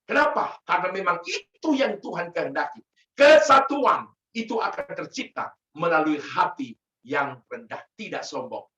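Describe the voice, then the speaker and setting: Emphatic pastor preaching over a video call. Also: male voice, high voice, very animated, moderate pace, sharp tone. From Sangir, Indonesia. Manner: emphatic, rising on scripture. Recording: roomy, distant, dull video-call audio.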